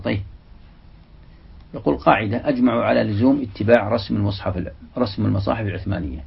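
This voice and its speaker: A man giving a religious lesson, reading a passage from a classical text and then explaining it slowly, repeating the example words. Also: on the low side, creaky, husky. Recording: dull, lo-fi lecture recording.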